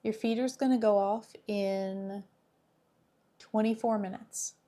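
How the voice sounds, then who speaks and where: A woman's voice: medium pitch, steady tone, takes it slowly, dark tone. A woman hosting a livestream, chatting casually with her viewers. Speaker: live streamer hosting.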